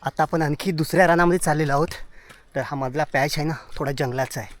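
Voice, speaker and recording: A man's voice: a little high, fairly even intonation, quick pace, slight background noise. A man with a Konkan Marathi accent narrates a casual vlog as he walks through forest and fields foraging wild mushrooms, often calling on viewers to look. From Konkan, India. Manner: repetitive pointing-out, walking while talking.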